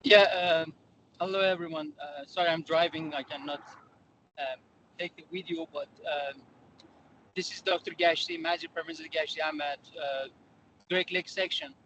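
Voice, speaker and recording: A man's voice: fairly high pitch, fairly even intonation, moderate pace, fairly bright tone, highs cut off. A man speaking on a call from his car while driving. He is an education chair giving meeting remarks, and he hesitates often with fillers. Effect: calling in by phone from a car while driving. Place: in a moving car. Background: faint car noise.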